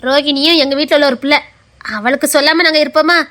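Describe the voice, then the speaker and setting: A bossy, caring elder sister-in-law, played by a woman with a Tirunelveli accent in a web drama. Her voice sits very high and bright, and the lines come quickly. She scolds in a brisk but motherly way. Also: fairly even intonation. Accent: Tirunelveli Tamil. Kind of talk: web series acting.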